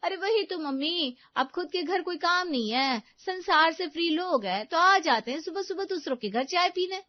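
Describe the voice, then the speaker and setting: Cartoon role: a woman playing a scheming young bride, bright and high, loud and mouthy. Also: animated, normal speed, dry recording. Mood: sassy. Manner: loud, sassy, talks back. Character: cheeky scheming young daughter-in-law. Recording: dull dry lo-fi recording.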